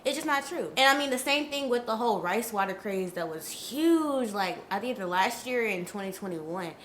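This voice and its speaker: This casual advice vlog features a young natural-hair creator who is congested from a cold, offering blunt, chatty haircare guidance straight to camera. She speaks at normal speed in an expressive, medium-pitched, fairly bright voice. The audio is reverberant and carries a little hiss or hum.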